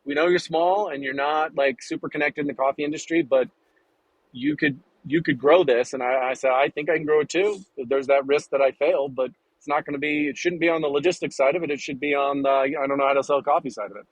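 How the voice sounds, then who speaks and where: A man talking as a podcast guest, chatty and enthusiastic, rambling with quick restarts. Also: on the high side, no room sound, low-quality recording. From United States. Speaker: coffee importer and roaster guest. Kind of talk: casual podcast interview.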